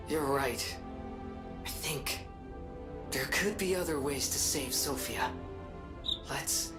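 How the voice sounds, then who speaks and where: An actor voicing a small cricket companion in a video game, speaking softly and earnestly. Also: male voice, mid-range voice, very slow, pauses often, over music. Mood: worried, somber.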